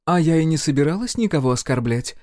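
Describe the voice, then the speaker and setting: A man's voice: fairly high pitch, lively intonation, quick pace, no room sound, clean studio sound, pitched above the performer's own voice, natural voice. A man doing a fierce scolding older woman. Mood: defiant. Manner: shouting threats, tongue-lashing.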